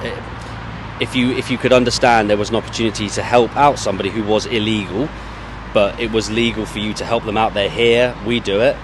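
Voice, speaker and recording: Out on a street near a university, a man with a handheld mic does vox-pop interviews, questioning passers-by in a probing, leading way and circling back on his words. His voice sits a little low, fairly quick and fairly even, with faint traffic humming behind him.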